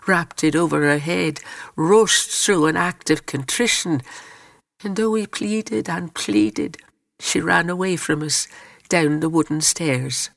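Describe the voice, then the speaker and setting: Slow gravelly male storyteller. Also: a little high, fairly bright tone, dry recording, clean studio sound. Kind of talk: scripted narration, reading a story aloud.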